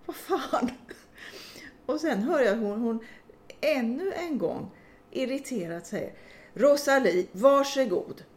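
Middle-aged woman, podcast co-host, lively storyteller who laughs and swears easily. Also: fairly high pitch, slight background noise. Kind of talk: casual chat and storytelling.

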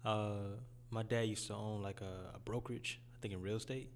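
A young man from Detroit with a raspy voice, talking about his music in a laid-back, casual interview. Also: fairly low pitch, fairly even intonation, fairly quick, a little hiss or hum. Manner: laid-back, loose phrasing with fillers. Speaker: guest rapper.

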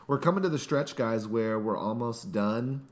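A tired man co-hosting a gaming podcast, excitable and slangy, rambling between topics. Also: mid-range voice, moderate pace. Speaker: podcast co-host. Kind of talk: casual gaming podcast chat.

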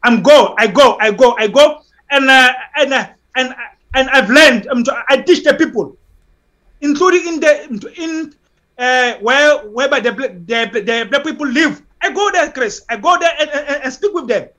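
A South African man giving impassioned interview talk as an activist guest, halting, emphatic and often repeating himself. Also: very high-pitched, pushed and bright.

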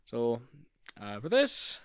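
A man's voice: medium pitch, huge pitch swings, takes it slowly, smooth, dry recording. A man acting as game master, narrating off the cuff in an informal, joking, sweary way. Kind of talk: casual tabletop game narration, improvised.

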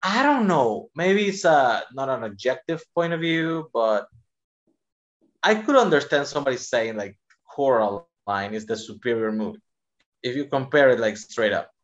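A man's voice: medium pitch, animated, moderate pace. Enthusiastic man in lo-fi podcast chat. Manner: enthusiastic, restarts often. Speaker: podcast guest. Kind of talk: casual film discussion.

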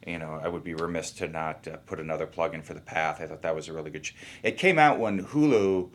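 A man who is an actor, talking about his work in a relaxed, rambling interview. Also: rumbling low, quick pace. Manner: easygoing, rambling, thinks aloud. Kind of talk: casual interview talk.

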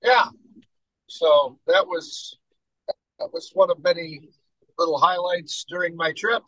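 A man's voice: sits high, slow, a bit bright, no room sound, low-quality recording. A middle-aged man co-hosting a casual podcast, playful and joking, often stumbling into restarts. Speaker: podcast co-host. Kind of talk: casual chat.

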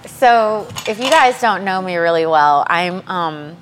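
A woman's voice: lowish voice, expressive, measured pace, a little hiss or hum. Blunt woman chef. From South Mississippi. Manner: blunt, straightforward, laughs easily. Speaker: Cajun restaurant chef. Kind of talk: casual panel talk.

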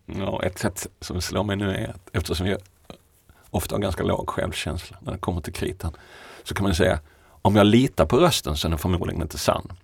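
A man's voice: low-pitched, vocal fry, breathy edge, no room sound. A poet being interviewed, a man talking in a thoughtful, musing way and laughing often. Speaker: poet, podcast guest. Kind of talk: reflective conversation.

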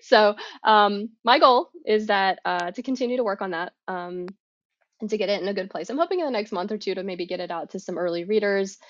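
A woman author as a podcast guest, chatting casually and haltingly with self-deprecating asides. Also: mid-range voice, dry recording. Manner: self-deprecating, informal, halting and thinking aloud. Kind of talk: casual interview chat. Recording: dry, slightly dull audio.

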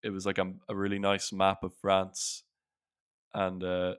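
A man's voice: sits low, monotone, a little slow, clean tone, no echo, studio quality. A man with an Irish accent hosting a casual chat about sport. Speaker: podcast host.

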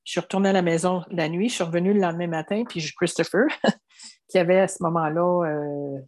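With a lowish, darkish voice and fairly even intonation, this woman from Quebec talks fairly quickly as she recounts her life as an interviewee. She's in her seventies, has a Québécois French accent, and shares her reflective story earnestly, frequently starting over and saying "tu sais."

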